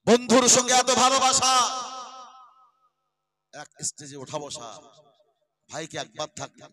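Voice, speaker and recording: A man preaching a sermon, moving from low conversational asides to loud, drawn-out sung chanting, with rhetorical questions thrown to the listeners. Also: big pitch swings. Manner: repeats lines and asks the crowd rhetorical questions. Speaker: Islamic preacher.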